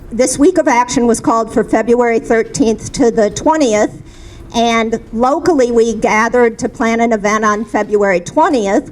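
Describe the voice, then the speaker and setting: A woman from Minnesota, speaking earnestly at a panel discussion, with halting restarts. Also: a little high, darkish tone, a little hiss or hum, low-quality recording. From Minnesota, USA. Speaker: community activist.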